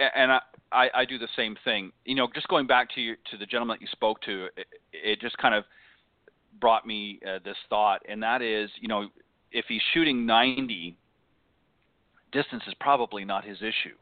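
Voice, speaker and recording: A man's voice: on the low side, fairly even intonation, moderate pace, dry recording. A man co-hosting a golf show, talking in a rambling way, often restarting and backtracking. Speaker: co-host. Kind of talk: casual chat. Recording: dry, tinny phone-like sound.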